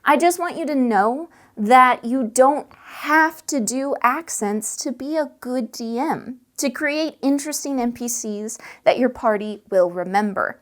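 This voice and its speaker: Brief: higher-pitched woman, friendly how-to host, talky and animated, tabletop game advice. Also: unhurried, hardly any pauses. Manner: chatty, animated, demonstrates voices by shifting pace and pitch. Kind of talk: casual how-to video talk.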